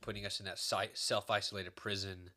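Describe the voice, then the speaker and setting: A low-voiced man hosts a podcast in a casual, reflective tone. He talks haltingly, feeling his way through his thoughts. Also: level tone, pushed and bright. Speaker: podcast host.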